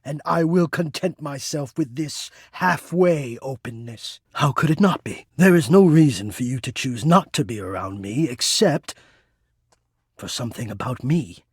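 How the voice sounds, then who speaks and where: For a video game, an actor voices a male spirit of the air vents who is lovesick and anxious, despairing and full of self-pity. His husky mid-range voice has lively intonation and an unhurried pace, delivered in an intense, theatrical, rather formal style of romantic drama. The studio-quality sound has no echo.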